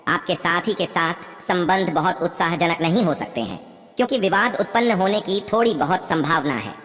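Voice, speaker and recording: A woman reading a scripted horoscope in a steady way, often calling the listeners her friends. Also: lowish voice, normal speed, long reverb tail. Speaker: horoscope presenter.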